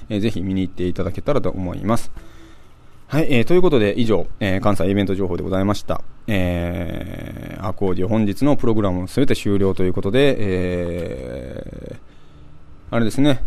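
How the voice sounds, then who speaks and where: A man with a Kansai accent hosting a casual radio segment, chatting through event listings with lots of filler pauses and asides to himself. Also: deep voice, mellow. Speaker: host.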